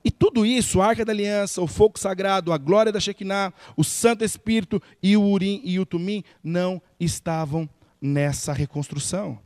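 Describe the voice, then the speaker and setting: A man's voice: high-pitched, fairly even intonation, normal speed, a little mellow, no room sound, studio quality. A man with a Brazilian Portuguese accent, preaching a sermon in a church, earnest and emphatic, repeating key words. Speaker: pastor. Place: church sanctuary.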